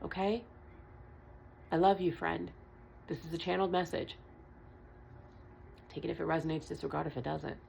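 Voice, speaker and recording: A woman's voice: low voice, steady tone, moderate pace, creaky, long pauses, a little mellow, slight background noise. A woman tarot reader delivering a channeled message in an earnest, emphatic monologue, repeating her points and swearing casually. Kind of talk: spiritual vlog monologue.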